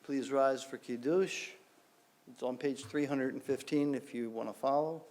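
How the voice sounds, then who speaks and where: A man leading a synagogue service, reciting blessings and giving announcements in a relaxed, conversational way with many fillers. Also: medium pitch, moderate pace. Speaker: service leader. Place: synagogue sanctuary.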